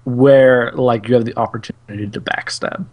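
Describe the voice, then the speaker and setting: A man's voice: medium pitch, steady tone, normal speed, a little mellow. A man co-hosting a casual gaming podcast, sounding friendly and enthusiastic. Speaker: co-host.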